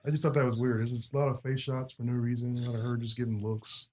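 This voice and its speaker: A man's voice: medium pitch, little pitch movement, a little mellow, a little hiss or hum. A man co-hosting a podcast, chatting casually about films in a teasing, plainspoken way. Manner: teasing, plainspoken, quick-talking. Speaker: podcast co-host. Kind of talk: casual movie chat.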